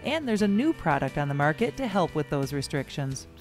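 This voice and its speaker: A woman narrates a segment in an even, informative voice. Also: sits low, a little fast, soft background music. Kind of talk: scripted narration.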